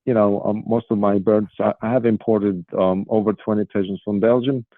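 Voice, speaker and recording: A man in his forties from Morocco, giving earnest interview answers with frequent um pauses. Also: on the low side, little pitch movement, dry recording. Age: 40s. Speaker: guest, pigeon racing federation official. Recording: tinny phone line, dry.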